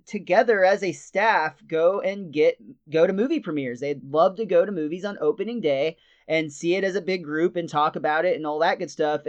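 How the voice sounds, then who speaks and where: A man's voice: sits high, clean tone. Chatty man retelling cartoon scenes. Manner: retells scenes in detail, chuckling often. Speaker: podcast co-host. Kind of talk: casual podcast episode review. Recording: slightly dull lo-fi sound.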